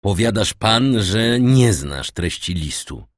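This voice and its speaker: A male reader lends his voice to a troubled crown prosecutor, low and grave, clipped in his commands. He sounds secretive and anxious under the authority. The storybook reading is close and dry. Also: very animated, takes it slowly, no room sound. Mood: commanding. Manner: stern, secretive, barking orders then pleading.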